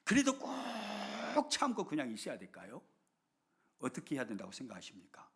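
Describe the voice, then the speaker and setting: A middle-aged man preaching a sermon. His voice sits fairly high and gravelly, with a husky edge. He swings from forceful emphasis down to hushed whispers, and his pitch rises and falls widely. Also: wildly swooping pitch, moderate pace. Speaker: pastor.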